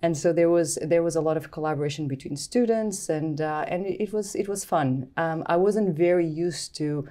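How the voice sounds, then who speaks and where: A woman from Portugal speaks in a low, warm tone with a Portuguese accent, her first language being Portuguese. She answers interview questions in a thoughtful, halting way, full of ums. She sounds middle-aged. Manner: thoughtful, hesitant with frequent ums. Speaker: guest scientist. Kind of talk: podcast interview.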